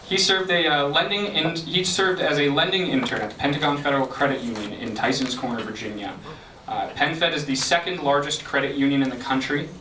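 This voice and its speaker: A man's voice: on the high side, fairly quick, pushed and bright. Male event host, casual announcements, echoey room with faint background hum. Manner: friendly, many fillers. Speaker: event organizer. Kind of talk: event introduction. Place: lecture room. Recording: echoey room, mic from a distance.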